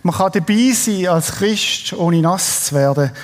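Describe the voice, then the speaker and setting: A man's voice: high-pitched, a little slow, in a large hall. A middle-aged man with a Swiss German accent preaching a sermon, telling a story with energy and putting questions to his congregation. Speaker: pastor.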